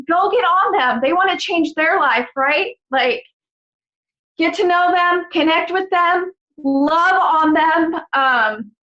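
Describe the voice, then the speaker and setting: A woman's voice: very high voice, pushed and bright, dull audio. A woman on a video call giving an emotional, gushing pep talk to her team, often calling out "guys". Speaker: guest team leader.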